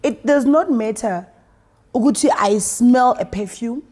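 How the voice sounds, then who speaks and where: A South African woman talking in a calm, measured way during a casual group chat. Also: on the high side. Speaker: guest.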